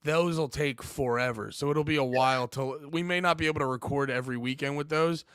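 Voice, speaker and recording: A man co-hosting a casual podcast, a bit hoarse from losing his voice, talking in an animated way and swearing often. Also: medium pitch, fairly quick, no room sound, clean studio sound. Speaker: podcast co-host.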